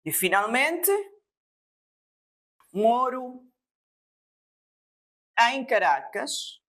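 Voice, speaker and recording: A Venezuelan woman in her fifties gives a lesson, a whose pitch rises and falls in a lively way. She takes her time and talks slowly and deliberately. She repeats each example as she explains it. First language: Spanish. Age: 50s. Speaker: Portuguese teacher. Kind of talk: classroom lesson.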